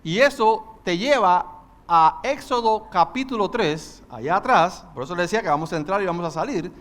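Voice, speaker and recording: A man teaching a Bible study, talking fast and passionately and slipping English words into his sermon. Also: high-pitched, a bit bright, big-room sound. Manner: mixes English into Spanish. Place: church hall.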